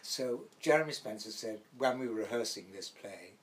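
This actor, an older man from Wales with a light accent, speaks at a normal speed in an animated voice on the low side. As an interview guest he tells rambling, reminiscent anecdotes, performing the quoted voices as he goes.

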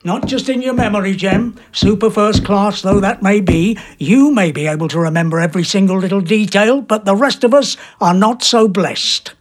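A man's voice: high-pitched, moderate pace, few pauses. An actor playing a fussy, jolly and slightly pompous stepfather, keen on home restoration. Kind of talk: drama acting.

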